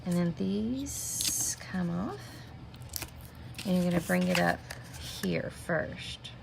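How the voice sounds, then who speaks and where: Nursing a minor cold that leaves her sniffling and a little stuffy, a middle-aged woman slowly walks her live audience through a stamping craft project. Her low voice is heavily gravelly, and she chats casually, step by step, addressing viewers by name. Steady background noise is audible on the camera mic at her desk.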